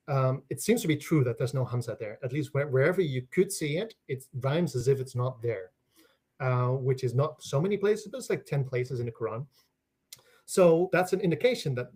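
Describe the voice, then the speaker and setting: A Dutch man, a native speaker of Dutch from the Netherlands, takes part in an academic conversation as a guest scholar. His mid-range voice is a little mellow and slightly rough, and he explains by restarting phrases and checking in with "right?"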